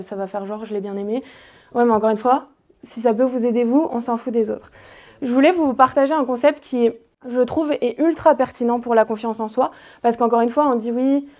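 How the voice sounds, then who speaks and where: A young woman gives a talk to a student audience at a business school, speaking in a casual, direct way with plenty of fillers. Her voice sits a little high and sounds mellow rather than bright. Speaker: motivational speaker. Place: lecture hall at a business school.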